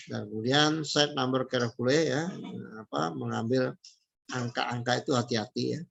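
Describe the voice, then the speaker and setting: Man, middle-aged, gravelly voice, relaxed lecture, slow English terms, restates each point. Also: medium pitch. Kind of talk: casual spoken lecture.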